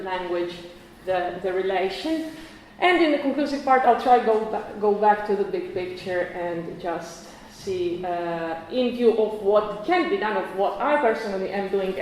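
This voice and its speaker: In a strongly reverberant hall, a woman with a mid-range voice delivers an academic conference lecture over slight background noise. Croatian is her first language, and she talks in a chatty way, frequently starting over, fixing her words and giving little laughs.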